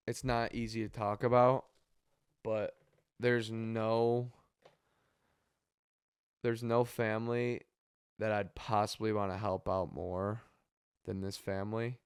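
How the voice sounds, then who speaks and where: A man making a heartfelt appeal for a charity he runs, talking haltingly with sighs and pauses, his voice catching with emotion. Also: on the low side, flat delivery, clean tone, no room sound, studio quality. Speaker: charity organizer. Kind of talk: heartfelt direct-to-camera appeal.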